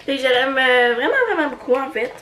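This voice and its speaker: A woman's voice: sits high, animated, brisk, background noise. A young woman with a Quebec French accent chatting casually in a beauty haul video, hesitant with many fillers and little giggles. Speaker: beauty vlogger.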